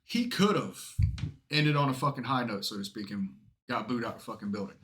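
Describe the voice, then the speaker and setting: A man's voice: mid-range voice, animated, a little fast, a bit bright, a little hiss or hum. Guy on a podcast giving hot takes, swears a lot, just talks it out bluntly. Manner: blunt, heavily profane. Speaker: wrestling podcast co-host. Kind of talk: casual opinionated chat.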